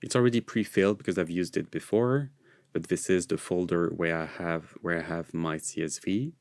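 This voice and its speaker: This software tutorial presenter is a non-native English speaker with an American-leaning accent. His low-pitched voice stays fairly even at a normal speed as he informally explains a screencast, recorded dry.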